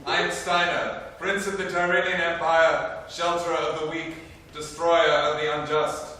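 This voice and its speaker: An actor in a stage play playing a grandiose alien prince villain who hijacks a broadcast to make mock-kindly proclamations. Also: male voice, a little high, flat delivery, normal speed, bright, forceful tone. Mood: proclaiming. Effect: hijacked broadcast transmission. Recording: echoey hall from far off, audience noise.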